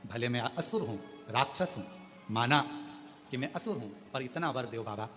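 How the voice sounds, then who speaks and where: A man voicing a humble male demon who pleads softly and low in a devotional tale, heard with long hall reverb and faint music. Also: animated, moderate pace, natural voice. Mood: pleading.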